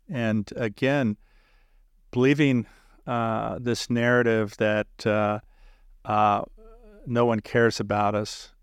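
A man hosting an interview, speaking in a measured, earnest way with many pauses and filler sounds. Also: mid-range voice, no room sound, clean studio sound. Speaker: podcast host interviewing a guest. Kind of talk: reflective interview talk.

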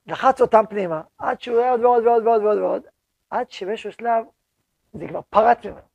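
A man lectures his yeshiva students in an animated way, repeating words to drive his points home. His voice sits high for a man and is heavily gravelly and husky. The sound is close and dry. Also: no room sound, highs cut off. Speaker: yeshiva head rabbi.

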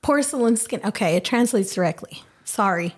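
A woman's voice: medium pitch, lively intonation, moderate pace. A woman co-hosting a casual podcast chat, playful and giggly, sometimes dropping into Spanish. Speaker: podcast co-host. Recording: loud background noise.

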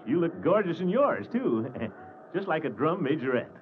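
A man's voice: fairly high pitch, very animated, moderate pace. An actor playing a pompous, blustery middle-aged male water commissioner in a 1940s radio sitcom, chuckling often. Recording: dull old radio broadcast, loud hiss.

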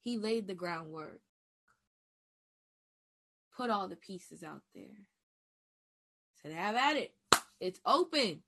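A woman in her twenties gives a reflective personal monologue in a preacher-like style. She makes emphatic declarations with call-and-response asides, then drops to soft, hushed affirmations. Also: medium pitch, expressive, slow, vocal fry, long pauses. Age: 20s. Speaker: podcast host.

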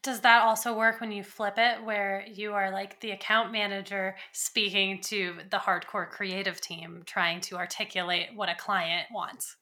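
A woman's voice: mid-range voice, flat delivery, unhurried, hardly any pauses, sharp tone. A woman hosting a podcast interview, asking enthusiastic questions with many fillers. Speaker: podcast host.

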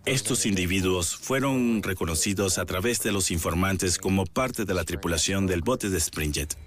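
A man's voice: sits low, moderate pace, natural voice. A male actor dubbing a sober police detective giving documentary testimony. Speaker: dubbed police detective interviewee.

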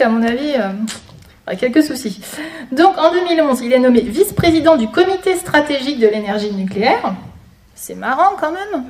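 A woman with a high voice and darkish tone gives an informal public lecture as a guest speaker before an audience in a conference room, adding wry, sarcastic asides. The room is echoey, the mic is distant, and the recording is noisy.

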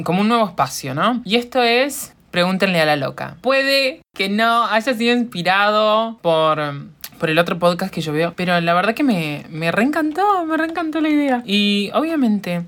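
A woman's voice: mid-range voice, lively intonation, moderate pace, fairly bright tone. Uruguayan woman hosting a chatty podcast. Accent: Uruguayan Spanish. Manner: rambling, joking, answers her own questions, laughs often. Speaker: podcast host. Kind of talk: casual solo podcast chat.

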